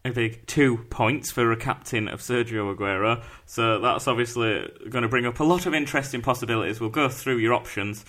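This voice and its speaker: Podcast host guy, bright voice, jokey and chatty. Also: medium pitch, a little fast, few pauses. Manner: jokey, laughs a lot. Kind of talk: casual podcast chat. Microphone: headset.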